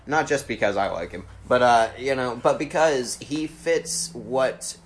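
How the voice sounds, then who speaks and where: A man's voice: mid-range voice, unhurried. Man, rambling casual talk, lots of fillers, blunt swearing, faint room hiss. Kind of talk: casual political chat. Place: cold unheated studio.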